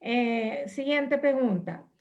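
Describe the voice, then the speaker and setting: A woman in an online class asking her teacher questions, halting and hesitant, with fillers between words. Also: a little high, lively intonation, a little mellow. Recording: muffled online call audio.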